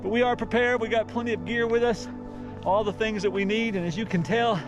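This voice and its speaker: Man, high voice, upbeat trail vlog, out of breath, outdoors, music under. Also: fairly even intonation, fairly quick, dull audio. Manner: upbeat, explanatory, out of breath while climbing. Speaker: travel vlogger. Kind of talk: hiking vlog narration. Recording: music playing behind.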